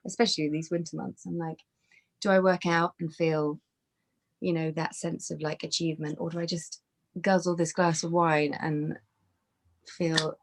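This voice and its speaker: On a webcam call from her bedroom, backed by a brick wall, a fitness trainer in her thirties talks as a podcast guest in a casual interview. Her voice sits low, and her delivery is flat and a little slow, with frequent pauses, many fillers and plenty of restarts.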